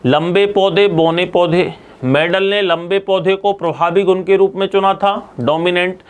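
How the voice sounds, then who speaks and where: High, clear-voiced male teacher drilling students. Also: fairly even intonation, measured pace. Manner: asks students questions and answers them himself; repeats key terms for drilling. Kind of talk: classroom lecture.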